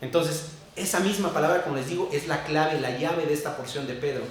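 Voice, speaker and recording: A man preaching an expository sermon, teaching carefully and repeating key words slowly. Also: on the high side, slight background noise. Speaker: pastor. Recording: very echoey church room, distant mic.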